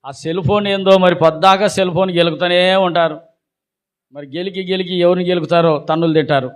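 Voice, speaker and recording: A male pastor preaching a sermon, exhorting the congregation with rhetorical questions and calls to shout hallelujah. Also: high voice, steady tone, fairly quick, clean tone.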